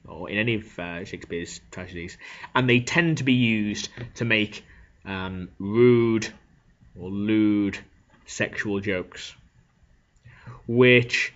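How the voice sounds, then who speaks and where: A man's voice: mid-range voice, a bit bright. A male teacher, explaining a lesson step by step and often checking in with "okay?". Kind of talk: classroom lecture on Shakespeare. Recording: dull lo-fi recording.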